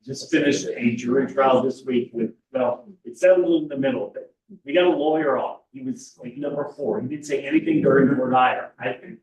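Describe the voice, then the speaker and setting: A man's voice: medium pitch, brisk, darkish tone. Man, lawyer, offhand teaser, distant roomy sound. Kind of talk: casual chat.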